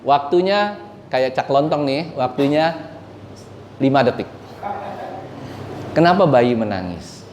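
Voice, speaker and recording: Joking pastor preaching in an echoey church. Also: male voice, mid-range voice, expressive, takes it slowly, long pauses, background noise. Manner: conversational, quizzes and jokes with the congregation. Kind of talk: sermon.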